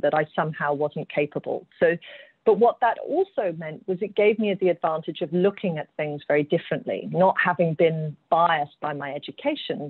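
Her voice sits low in a dry recording: a woman from the United Kingdom, English-accented, who works as a mining executive. She speaks earnestly in a panel discussion over video call, frequently repeating words while thinking, and the audio comes through tinny like a phone call.

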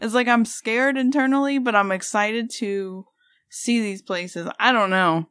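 A woman in her thirties co-hosting a casual podcast, rambling and excitable, with lots of fillers. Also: on the high side, measured pace, dry recording. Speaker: podcast co-host.

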